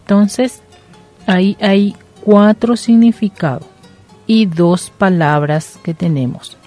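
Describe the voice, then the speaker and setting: Slow, patient woman teacher explaining a lesson. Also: mid-range voice, mellow, soft background music. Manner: patient, coaxing, repeats "¿sí?" and "entonces". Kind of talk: slow classroom lesson with a read-aloud story.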